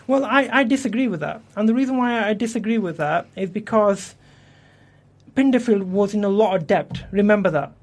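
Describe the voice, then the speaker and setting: A man's voice: sits high, normal speed. A man, an election candidate answering radio interview questions earnestly, often restarting and repeating words in a studio. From England.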